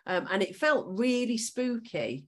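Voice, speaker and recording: A woman's voice: on the high side, animated, a little slow. A woman in a casual chat, telling a story in a rambling way with lots of ums.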